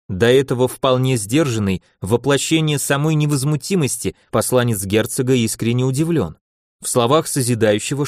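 Steady male audiobook narrator, dry sound. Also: medium pitch, dry recording. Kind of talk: scripted first-person audiobook narration.

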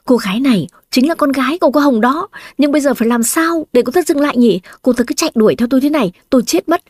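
A woman's voice: medium pitch, animated, fast talker, a little mellow, breathy edge, no echo, clean studio sound. A woman storyteller voicing a jumpy, flustered young man who panics and complains easily. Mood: panicked.

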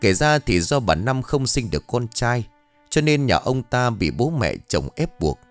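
A man narrating an audio story in a dramatic, expressive reading style. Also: mid-range voice, a little slow, no echo, faint music behind.

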